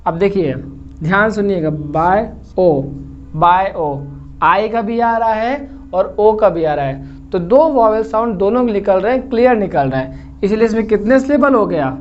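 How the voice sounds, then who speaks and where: A man's voice: high-pitched, expressive, normal speed. A man teaching a lesson, explaining patiently and repeating words, and he checks that the class follows. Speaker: English teacher. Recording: slightly dull lo-fi recording with faint noise.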